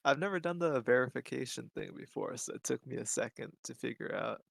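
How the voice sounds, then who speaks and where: A man with a mid-pitched, slightly gravelly voice answers his coach hesitantly, often starting with an um. The sound is dry and close, with no room around it. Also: fairly quick, a bit bright, no echo. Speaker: player being coached. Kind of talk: casual coaching call. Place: home at night.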